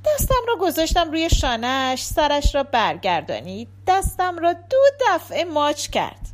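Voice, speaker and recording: A woman's voice: sits high, very animated. A woman voicing a naive, cheeky young maid who answers back playfully. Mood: pert.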